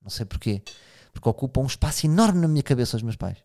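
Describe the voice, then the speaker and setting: A man's voice: mid-range voice, lively intonation, fast, mellow. A man in his thirties with a European Portuguese accent, hosting a podcast and musing aloud in a casual monologue, often restarting and speaking straight to his listeners. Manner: musing, frequent restarts, addresses listeners directly. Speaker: podcast host.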